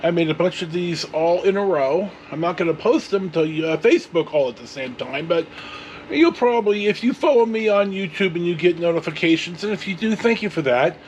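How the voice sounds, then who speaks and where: Expressive and pitched high, this Californian man in his 60s talks a little fast, with a faint hiss or hum on the recording. As host, he rambles through a casual story, drifting off on tangents and cursing mildly.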